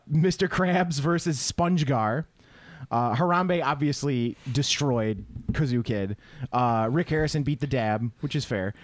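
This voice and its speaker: A man's voice: mid-range voice, no room sound. A young man co-hosting a casual podcast chat, rambling with restarts and breaking into laughter often. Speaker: podcast co-host.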